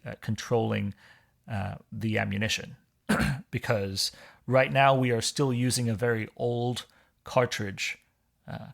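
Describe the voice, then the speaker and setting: A man from Hong Kong, appearing as a podcast guest, explains things in a measured way during casual conversation. His voice is medium-pitched and gravelly.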